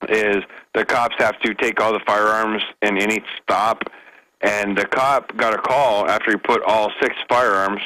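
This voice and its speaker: A male caller tells his story casually on talk radio. His voice is on the low side and bright, with a forceful edge and a dry sound. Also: no echo, low-quality recording. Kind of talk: casual personal account on a call-in.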